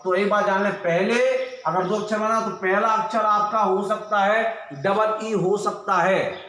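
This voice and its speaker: High-voiced male teacher in an echoey room. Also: fairly even intonation, measured pace, pushed and bright. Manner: repeats letters and examples aloud, addresses students as "my dear student". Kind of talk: classroom grammar lesson.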